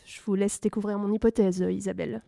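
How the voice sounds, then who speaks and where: A woman's voice: mid-range voice, flat delivery, fast talker, creaky, dark tone, no echo, studio quality. A woman appearing as an expert guest on a mock documentary, laying out precise, detailed explanations.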